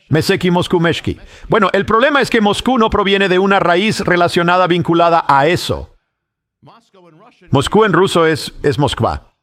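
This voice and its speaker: A man delivering a sermon-style Bible lesson, his voice sitting a little higher than most men's. He reasons through each point in a measured, explanatory way. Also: fairly bright tone. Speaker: Bible teacher. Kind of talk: sermon teaching on prophecy.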